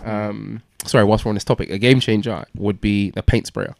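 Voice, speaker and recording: A man's voice: lowish voice, steady tone, brisk, gravelly, a little mellow, dry recording, studio quality. A man, chatting casually as a guest on a podcast.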